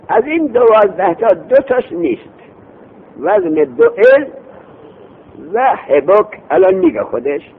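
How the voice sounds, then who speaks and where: Male teacher, repeats and quizzes students, high lively voice. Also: gravelly. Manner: lively, repeats terms, asks students questions. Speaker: teacher of Arabic morphology. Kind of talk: classroom lesson, explaining and quizzing. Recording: tinny phone-like recording with faint rumble.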